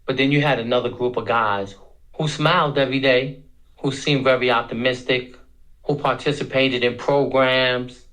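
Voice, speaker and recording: Middle-aged male interviewee from Brooklyn, medium-pitched, reflective and deliberate personal storytelling. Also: a bit bright, low-quality recording. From Brooklyn, New York. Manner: deliberate, repeats words for emphasis. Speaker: interview guest telling his own story.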